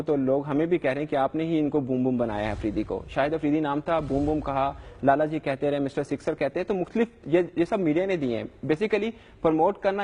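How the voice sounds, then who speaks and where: A man's voice: on the high side, dark tone, breathy edge, in a large hall. A young adult man, a sports reporter, answering questions in a live news interview in an earnest, defensive way with frequent hesitations.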